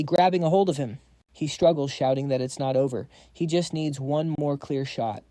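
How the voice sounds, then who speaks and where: A man's voice: on the high side, mellow, dry recording, studio quality. A man narrating a scripted story recap, dropping quips to the audience.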